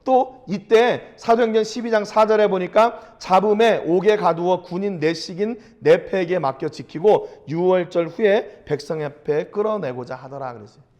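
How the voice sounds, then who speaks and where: A man's voice: high-pitched, normal speed, hardly any pauses, darkish tone. A man preaching a sermon as pastor. He retells scripture in casual speech and keeps asking the listeners rhetorical questions. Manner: storytelling with frequent rhetorical questions.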